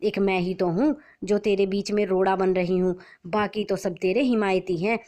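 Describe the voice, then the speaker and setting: A woman voicing a quarrelsome middle-aged mother-in-law who scolds loudly and bitterly in a storybook tale. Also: mid-range voice, fairly even intonation, normal speed, natural voice. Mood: scornful.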